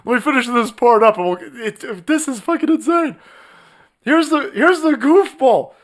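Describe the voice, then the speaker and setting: A man hosting his own live stream and ranting in a profane, mocking voice. His voice swings widely in pitch as he laughs at and jeers at what he is reacting to. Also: expressive, normal speed.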